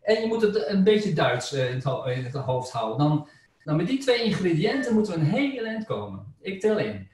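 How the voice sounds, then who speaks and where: A man from the Netherlands, a klezmer musician, giving a chatty, animated webinar lesson with many fillers and asides. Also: sits high, normal speed, very echoey, distant mic. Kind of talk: informal spoken lecture.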